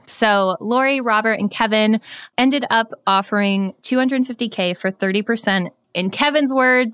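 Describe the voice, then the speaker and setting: A woman's voice: fairly high pitch, a bit bright, no echo. A woman hosting a casual podcast, recapping business stories with dramatic reveals. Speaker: podcast host.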